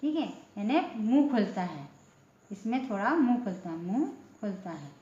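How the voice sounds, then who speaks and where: A woman teaching a language lesson, slowly explaining letters, asking questions and answering them herself, often repeating words. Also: mid-range voice, big pitch swings, warm tone. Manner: slow, repetitive, asks questions then answers them. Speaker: Hindi teacher. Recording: echoey room, dull lo-fi sound.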